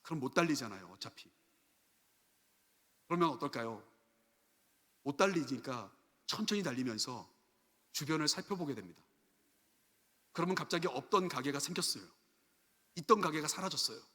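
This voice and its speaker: A man's voice: on the high side, animated, moderate pace, pauses often, pushed and bright. A man pastor preaching an earnest sermon full of rhetorical questions at a Wednesday church service. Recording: echoey church sanctuary.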